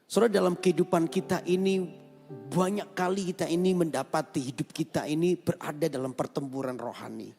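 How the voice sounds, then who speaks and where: Male pastor, emotional storytelling sermon; gravelly, fairly high voice, long hall reverb. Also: fairly quick, warm tone, soft background music. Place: large venue, rooftop church service.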